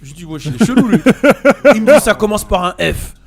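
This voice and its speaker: A man's voice: high voice, brisk. A man hosting a casual chat with friends, telling a funny story and acting out the voices in it. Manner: animated, acts out quoted voices.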